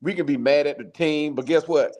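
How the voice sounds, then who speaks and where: A man's voice: fairly high pitch, fairly quick, darkish tone, highs cut off. Earnest guy guesting on a fan stream, rambles, repeats stuff. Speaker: guest content creator. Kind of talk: casual sports talk.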